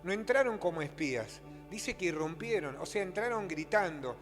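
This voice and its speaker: A man's voice: sits high, moderate pace, big-room sound, faint music behind. A man preaching a sermon, telling stories and building up to emphatic points. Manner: animated storytelling, rising to emphatic preaching.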